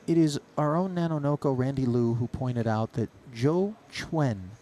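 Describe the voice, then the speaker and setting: A man's voice: medium pitch, a little fast, dark tone. A man giving play-by-play poker commentary with wordy, ornate phrasing.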